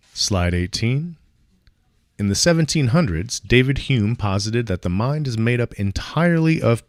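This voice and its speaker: A man's voice: on the low side, no echo, clean studio sound. A man giving a recorded psychology lecture, with wry asides along the way.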